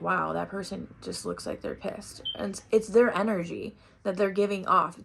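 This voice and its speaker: Rambling woman with a gravelly voice. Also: medium pitch. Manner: rambling, restarts often, swears casually. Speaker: vlogger. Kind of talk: casual personal monologue.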